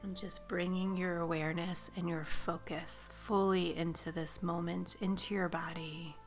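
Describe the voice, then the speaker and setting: A woman guiding a meditation, speaking slowly and soothingly with drawn-out phrases that sometimes soften to a whisper. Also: fairly low pitch, little pitch movement, soft background music. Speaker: meditation guide. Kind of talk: guided meditation.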